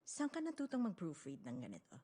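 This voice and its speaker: A woman dubbing a brisk, businesslike magazine boss who explains things in a matter-of-fact way. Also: medium pitch, wildly swooping pitch, warm tone. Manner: brisk, explanatory, mixing English in.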